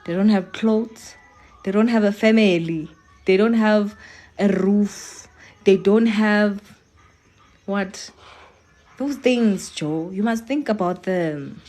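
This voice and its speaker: Going slowly with long pauses, a young South African woman with a medium-pitched, dark voice talks casually to her live stream audience from home. She's chatty and encouraging, moving back and forth between English and local languages.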